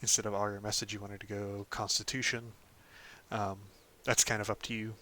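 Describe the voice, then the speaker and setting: A man hosting a casual game guide, talking through a character build in a relaxed way, with frequent "um"s and "of course"s. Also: fairly low pitch, fairly quick. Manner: relaxed, lots of ums and "of course". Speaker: gaming channel host.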